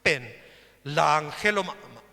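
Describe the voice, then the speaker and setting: A man preaching a sermon at a church service, slow and emphatic, with big swings in pitch and loudness. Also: big-room sound.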